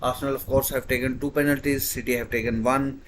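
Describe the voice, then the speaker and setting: A man commentating live on a football shootout as an anxious fan, halting and repeating his phrases. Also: mid-range voice, steady tone, a little hiss or hum, low-quality recording. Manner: halting, hesitant delivery. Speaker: football watchalong host.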